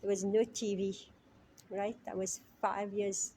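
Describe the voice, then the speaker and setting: A middle-aged woman from Mauritius teaching a scripture class in a conversational way, often asking "right?", and chanting verses slowly. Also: mid-range voice, level tone, mellow, slight background noise. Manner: conversational, frequent "right?" tag questions.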